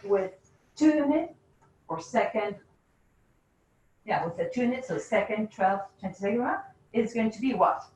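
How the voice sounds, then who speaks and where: A woman leading teachers through a classroom game, giving quick, instructive directions and laughing often. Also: mid-range voice, expressive, darkish tone, a little hiss or hum. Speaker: teacher trainer. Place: classroom or training room. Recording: roomy, distant, dull classroom sound.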